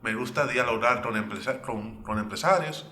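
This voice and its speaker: Anfitrión de pódcast, hombre, que entrevista en tono de charla con voz clara y brillante. La grabación suena con eco, en una sala resonante. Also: male voice, medium pitch, normal speed, pushed and bright. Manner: conversational, asks questions directly. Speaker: podcast host. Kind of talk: casual interview chat. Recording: echoey room.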